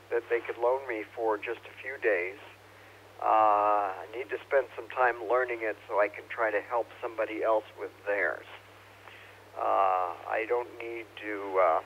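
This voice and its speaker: A man talking casually and politely over amateur radio, somewhat hesitant, in a radio net exchange. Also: lowish voice. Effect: two-way radio. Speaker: amateur radio operator checking in. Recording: muffled two-way radio, hissy hum.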